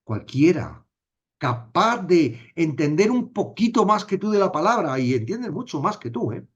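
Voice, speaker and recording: A man's voice: a little high, normal speed, slightly rough. A middle-aged man, teaching a Bible study and telling his story with acted-out dialogue. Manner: animated storytelling, acts out dialogue. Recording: dull lo-fi recording.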